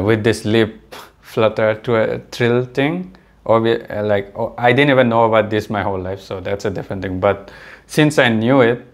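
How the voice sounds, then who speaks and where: A young vlogger talks casually to the camera in a lowish voice, hesitating and frequently stopping to correct himself. English is his third or fourth language, not his first, and his accent blends British, American and Indian-influenced English.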